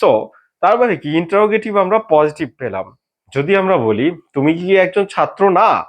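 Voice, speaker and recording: A man teaching an English grammar lesson, posing questions to himself and answering them, then drilling example sentences slowly. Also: high voice, big pitch swings.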